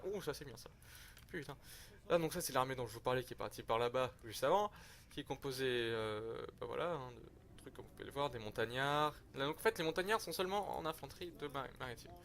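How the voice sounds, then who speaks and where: A man's voice: medium pitch, a bit bright, slight background noise. A young man giving rambling, slangy, self-mocking commentary over a strategy game he is playing. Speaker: gaming youtuber. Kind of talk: casual gameplay commentary.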